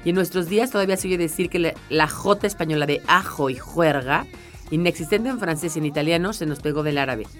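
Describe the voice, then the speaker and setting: A woman's voice: deep voice, brisk, soft background music. A woman co-hosting a radio chat about language, explaining patiently and often checking in with a questioning "¿no?". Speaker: radio co-host.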